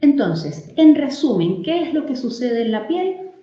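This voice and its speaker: A woman's voice: high-pitched, big pitch swings, unhurried, warm tone, lo-fi sound. Woman doctor lecturing in an echoey room. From Venezuela. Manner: explanatory, addressing colleagues with case examples. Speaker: aesthetic medicine doctor giving a webinar talk. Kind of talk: clinical lecture.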